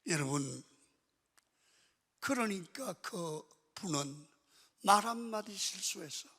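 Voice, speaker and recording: Gravelly older man preaching in a hall. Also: high-pitched, takes it slowly. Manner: animated storytelling, swings between loud and hushed. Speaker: pastor. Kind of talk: sermon. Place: large prayer-retreat sanctuary. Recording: reverberant church hall.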